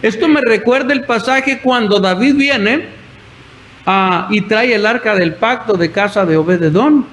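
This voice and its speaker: A man's voice: sits high, measured pace, a bit bright, low-quality recording. A male pastor preaching a sermon, telling the story and acting out the voices in his quotes.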